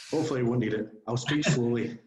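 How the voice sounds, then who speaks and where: A man with a broad Scottish accent, answering questions as a guest consultant in a measured, explanatory way. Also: mid-range voice, darkish tone, reverberant. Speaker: guest golf scholarship consultant.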